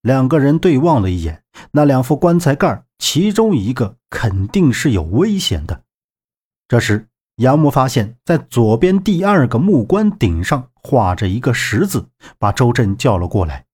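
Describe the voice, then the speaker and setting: Male narrator, audiobook, lively pitch, dramatic storytelling. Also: normal speed, slightly rough. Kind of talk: scripted narration.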